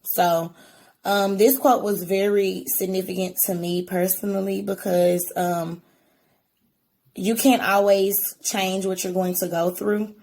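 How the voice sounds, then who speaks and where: A young woman speaking as the graduate speaker from her home, excited and a little hesitant. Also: medium pitch, slow pace. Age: young adult. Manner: excited, slightly hesitant with fillers. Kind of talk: speech from home.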